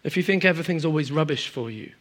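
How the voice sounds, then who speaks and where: A man preaching a sermon to a congregation, moving between emphatic high passages and quiet, low stretches. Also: fast. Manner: animated, swings from emphatic highs to quiet low asides. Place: church hall in front of a congregation.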